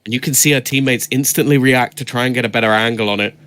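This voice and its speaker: A man doing live esports play-by-play as a caster, building into excited, drawn-out calls at big moments. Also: mid-range voice, smooth.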